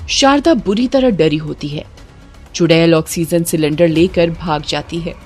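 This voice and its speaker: Reading a horror script with dramatic flair, a woman speaks in a fairly low, slightly rough voice with a darkish tone, taking her time. Background music runs beneath the narration.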